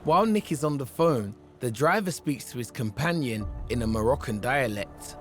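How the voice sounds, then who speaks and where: Male narrator, medium pitch, scripted documentary delivery over music. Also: expressive, moderate pace. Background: background music.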